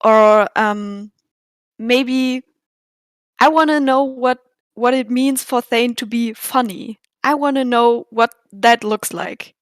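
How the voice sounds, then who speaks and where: A woman's voice: fairly high pitch, takes it slowly, clear, resonant tone, no room sound, clean studio sound. A woman on a podcast, speaking thoughtfully and hesitantly in casual chat.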